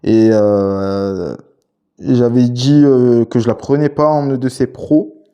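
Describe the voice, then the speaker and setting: Male cop, relaxed hesitant gear talk, warm dark voice. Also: medium pitch, smooth, lo-fi sound. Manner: hesitant, many filler pauses, relaxed slang. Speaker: police officer and gear channel host. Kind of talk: casual gear chat to camera.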